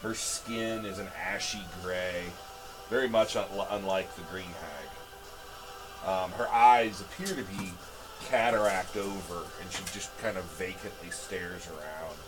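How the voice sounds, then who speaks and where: A man with a low voice narrates a tabletop fantasy game as its game master, making up descriptions as he goes. Music plays clearly behind him. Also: fairly even intonation, measured pace, rough recording.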